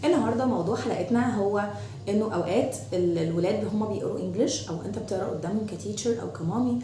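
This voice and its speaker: A woman teacher with an Egyptian Arabic accent explaining an English lesson, repeating example words slowly and clearly. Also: medium pitch, mellow, roomy sound.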